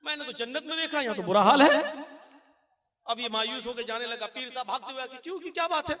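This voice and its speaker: A male preacher telling stories in a lively, animated way during a humorous religious talk. His voice is very high and bright. It echoes through a hall. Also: a little fast, far from the mic. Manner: animated storytelling. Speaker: Islamic preacher.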